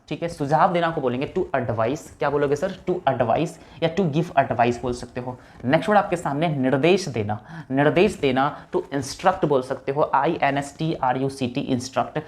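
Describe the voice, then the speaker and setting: A male teacher giving a vocabulary lesson for exam preparation, spelling each word out letter by letter, repeating it, and checking in with the viewer again and again. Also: fairly high pitch. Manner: drills with repeated check-ins like "right?" and "okay".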